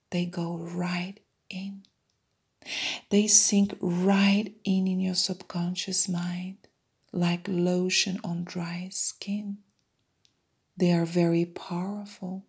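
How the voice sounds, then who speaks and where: A woman guiding a hypnosis meditation in a soft unvoiced whisper, repeating soothing suggestions. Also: on the low side, slightly rough. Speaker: meditation guide.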